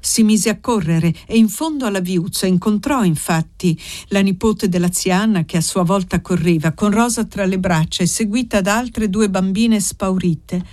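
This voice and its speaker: A woman reading a classic novel aloud in a measured, expressive narration. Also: medium pitch, no echo, clean studio sound. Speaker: audiobook reader. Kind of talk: literary narration.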